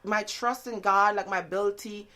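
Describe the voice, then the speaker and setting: A woman speaks as a guest in a relaxed interview, telling her story of faith with earnest warmth. She talks in a loose, chatty way, leaning on fillers, and grows animated as she tells her stories. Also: medium pitch, moderate pace. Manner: earnest, many fillers like "like" and "you know". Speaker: guest author. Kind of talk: conversational interview testimony.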